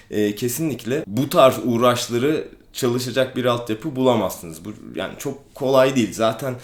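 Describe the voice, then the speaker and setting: A man, an aikido instructor, explains things calmly in a casual vlog, with many hesitant fillers. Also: mid-range voice. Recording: echoey room.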